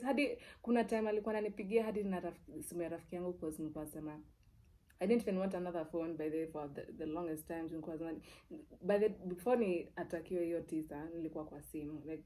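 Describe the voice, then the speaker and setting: A young Kenyan woman, a TV presenter with a low, mellow voice, tells a personal story in a casual, candid way. She speaks fast and expressively, repeating words for emphasis and switching between English and Swahili, though the recording is rough.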